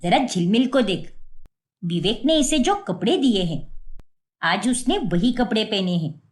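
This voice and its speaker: A woman voicing a sharp-tongued, bossy middle-aged mother-in-law in a cartoon, talking in a scornful, scolding way. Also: mid-range voice, lively intonation, a little slow, natural voice. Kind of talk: Hindi cartoon voice acting.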